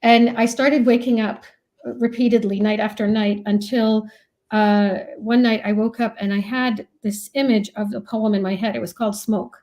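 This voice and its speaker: Her voice fairly high, steady, and darkish at a moderate pace, an Iraqi author and professor gives an interview. Her replies are reflective and considered, delivered conversationally.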